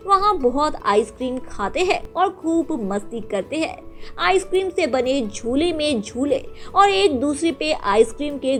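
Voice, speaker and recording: A woman narrating a children's story in an animated, sing-song way. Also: high voice.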